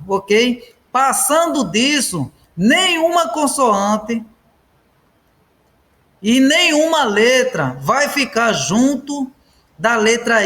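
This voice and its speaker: A man's voice: high-pitched, fairly bright tone. A man teaching a grammar lesson, repeating each point and checking in with his students. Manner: keeps checking in with "ok?" and "pessoal".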